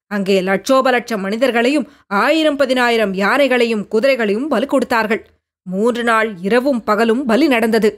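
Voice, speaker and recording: A woman's voice: on the high side, close to an everyday voice. A woman voicing a fierce, harsh-voiced female ascetic who lives in a cave, telling her tale with drama. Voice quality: harsh, hard voice.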